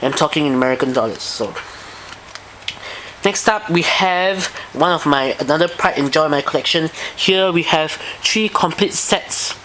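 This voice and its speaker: A man's voice: a little high, animated, moderate pace, bright, forceful tone, slight background noise. A man casually reviewing his card collection on camera, eager and rambling, often repeating himself. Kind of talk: casual home video review.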